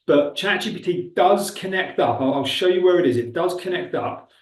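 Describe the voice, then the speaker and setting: Here a male recruitment trainer with a Milton Keynes accent sounds high-pitched and animated, speaking at normal speed. He's chatty and thinks aloud while clicking through a demo in a casual screen-share tutorial. Being far from the mic, he comes across with a roomy echo.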